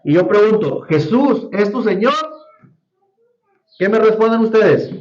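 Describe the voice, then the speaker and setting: A man's voice: sits high, expressive, unhurried, a little mellow. A man teaching a Sunday school Bible lesson to a congregation, often quizzing the class with questions. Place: church hall. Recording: roomy, dull lo-fi church recording.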